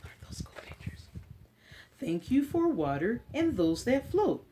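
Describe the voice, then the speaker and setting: There's slight background noise as a woman with a voice on the high side leads children's story time. She reads a picture book aloud with drawn-out, expressive delivery and sprinkles in chatty, encouraging asides.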